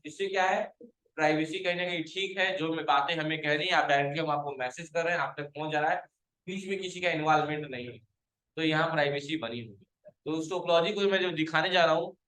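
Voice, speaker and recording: A man's voice: on the high side, fairly even intonation, quick pace, fairly bright tone, roomy sound, poor audio. A male computer teacher giving a classroom lecture, quizzing his students, calling them to stand and scolding those who have not understood.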